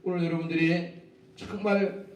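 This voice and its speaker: A man's voice: level tone, normal speed, a little mellow. A male pastor preaching a Sunday sermon, emphatic, peppering his talk with rhetorical questions and acting out quoted speech. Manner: acts out quoted speech in dramatic low voice. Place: church sanctuary. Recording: echoey church from a distance, faint rumble.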